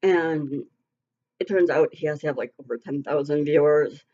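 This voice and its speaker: A woman's voice: deep voice, moderate pace, dark tone, dull audio. A middle-aged woman talking earnestly and emotionally to her online community in a casual, rambling vlog. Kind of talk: casual heartfelt vlog talk.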